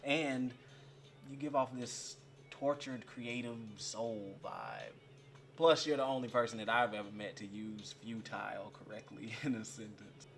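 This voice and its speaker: In short film dialogue, a male actor with a medium-pitched, creaky voice speaks a little slowly over faint background music. He plays a chatty, awkward server and eager fan who rambles, stammers, and uses lots of fillers.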